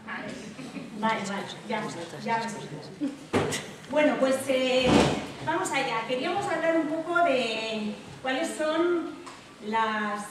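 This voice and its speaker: Slow and high-pitched with lively intonation, this woman is an informal guest speaker at a public talk, and her accent comes from Spain. The very echoey hall, the far-off microphone and the background noise all come through in the recording.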